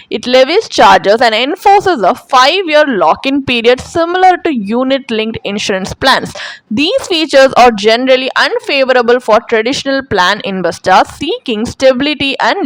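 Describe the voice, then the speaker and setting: A woman presenting a scripted financial product review in a measured, explanatory way. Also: on the high side, no room sound, poor audio. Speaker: channel presenter.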